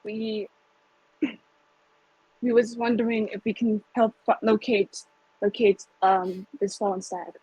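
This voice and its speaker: Female tabletop player, husky, mid-pitched voice, casual and hesitant. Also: little pitch movement, takes it slowly, long pauses, mellow, dry recording, muffled recording. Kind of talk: casual game chat.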